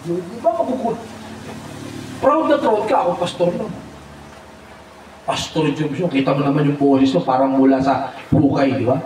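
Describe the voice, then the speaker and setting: A man preaching as a pastor, animated and humorous, mixing English phrases and often calling out amen. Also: a little high, normal speed, long pauses, far from the mic, slight background noise. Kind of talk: Tagalog sermon with humor. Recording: echoey hall, mic from afar.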